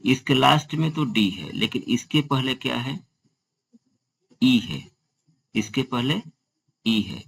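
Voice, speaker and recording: A man's voice: medium pitch, animated, takes it slowly, vocal fry, long pauses, a bit bright, breathy edge, rough recording. A man teaching a grammar lesson, explaining step by step and asking and answering his own questions.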